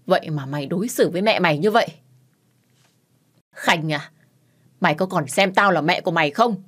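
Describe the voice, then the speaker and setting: A woman voicing an angry middle-aged mother who shouts, scolds and wails bitterly. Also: on the low side, brisk. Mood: bitter scolding.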